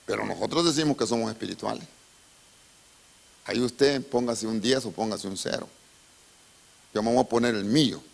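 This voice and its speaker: A man's voice: on the low side, normal speed, gravelly, long pauses. A male pastor, preaching a dramatic storytelling sermon and calling his listeners brother.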